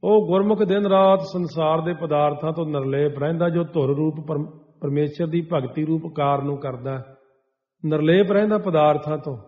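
A man preaching to a congregation, slowly chanting scripture lines and then explaining them in plain talk. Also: on the high side. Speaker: Sikh preacher. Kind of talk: scripture exposition sermon. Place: large hall before a congregation. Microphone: stage microphone. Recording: dull sound with long hall reverb.

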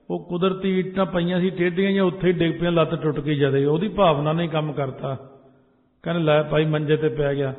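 Punjabi-accented male preacher, raised voice, chants verses, long hall echo, tinny phone-like sound. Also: fairly high pitch. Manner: chants scripture lines slowly, then explains in plain speech. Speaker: Sikh preacher expounding scripture. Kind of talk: sermon with sung verses. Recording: echoey hall over a tinny, phone-like line.

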